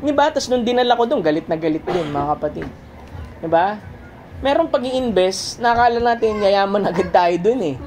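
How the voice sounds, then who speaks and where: A man's voice: high voice, lively intonation, moderate pace, noisy background. A man in his thirties preaching a sermon in church, conversational, often chuckling at his own stories. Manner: conversational, keeps saying "mga kapatid" and "diba?". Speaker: pastor.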